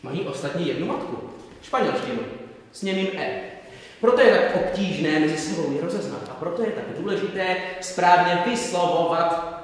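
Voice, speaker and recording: Male actor as a pedantic lecturing professor, pitched a touch high, heard from far off on an echoey stage. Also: lively intonation. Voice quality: theatrical, declamatory, swinging between whisper-soft and loud. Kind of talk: live theatre performance. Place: theatre stage.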